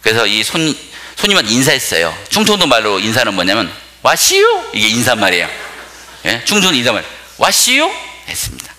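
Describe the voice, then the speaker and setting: A male pastor preaches with a forceful, bright voice and a lively pitch. He jokes and keeps asking the audience questions. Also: fast talker. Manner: joking, asks the audience questions. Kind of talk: sermon.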